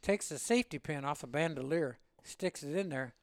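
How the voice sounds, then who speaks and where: A man in his seventies from Illinois, a veteran telling a war story in an interview, rambling and animated. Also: fairly high pitch, normal speed, no room sound. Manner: rambling and animated, with laughs and acted-out quotes. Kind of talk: oral-history storytelling.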